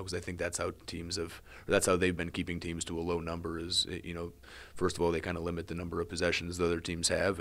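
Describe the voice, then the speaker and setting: A man, a head lacrosse coach, giving measured interview answers and often repeating words as he thinks. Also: low voice, a bit bright.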